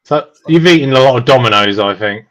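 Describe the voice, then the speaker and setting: A man giving relaxed, dry, chatty live commentary on a race, with many pauses and "um"s. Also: mid-range voice, rough recording. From United Kingdom.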